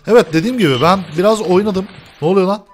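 A young man giving loud, playful let's-play commentary, shouting slangy taunts at the game. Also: high voice, fast, slight background noise. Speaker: gaming YouTuber.

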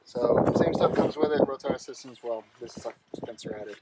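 Recorded on a handheld phone camera, this car vlogger gives a casual walkaround at a dealership lot outdoors before moving inside a car. His mid-range voice moves at a normal speed, and he thinks aloud with fillers and restarts. The audio is very noisy.

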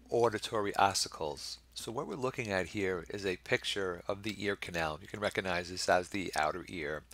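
A man's voice: on the low side, a bit bright, no echo. A middle-aged man teaching anatomy over slides, explaining patiently and often checking in with the class. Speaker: anatomy instructor. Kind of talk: recorded lecture over slides.

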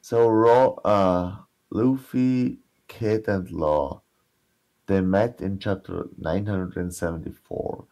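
Casting: male reaction co-host, thirties, low voice, unhurried and halting, casual chat. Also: mellow. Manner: hesitant, halting, repeats himself. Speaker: co-host of a manga reaction show. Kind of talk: casual chat reviewing a manga chapter. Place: small room at home, indoors.

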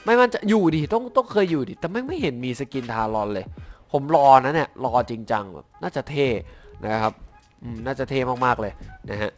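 A young man giving casual commentary on game skins, excitable, swearing now and then, stumbling a little when reading lore. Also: mid-range voice, brisk, faint music behind. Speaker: gaming YouTuber reviewing skins.

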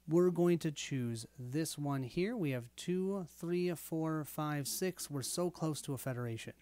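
Hoarse, higher-pitched man hosting a board game. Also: a little mellow, dry recording. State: hoarse, lost his voice; tired late at night. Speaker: host of a board game playthrough. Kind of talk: casual tabletop gameplay walkthrough.

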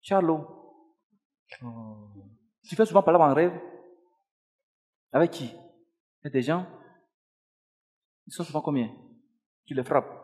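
Man, pastor, higher voice, commanding chant, reverberant church hall, music behind. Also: animated, slow pace, pauses often, a little mellow. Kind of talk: deliverance ministry.

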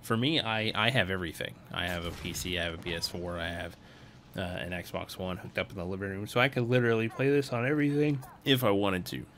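A tired young man who hosts a gaming channel and streams talks over his gameplay video in a loose, rambling, easygoing way, chuckling often. His voice is deep and fairly bright, he speaks fast, and there's a slight hiss or hum.

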